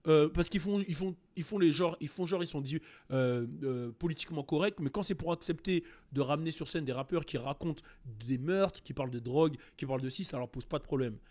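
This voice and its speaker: A man hosting a casual rap commentary, animated and digressive, jumping into raised voices to act out what people said. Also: on the high side, fairly quick, few pauses. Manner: digressive and joking. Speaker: host.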